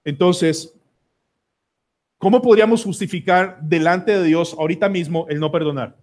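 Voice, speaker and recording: A man's voice: on the high side, moderate pace, a little mellow. A Colombian man preaching a sermon as pastor, emphatic and pleading, putting question after question to the congregation. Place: church sanctuary.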